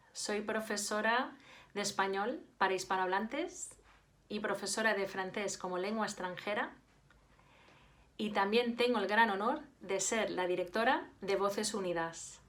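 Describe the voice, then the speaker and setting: A woman's voice: mid-range voice, a bit bright. A woman from Spain with a Spanish accent, a teacher giving a formal address and thanking her staff. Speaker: Spanish and French teacher, program director.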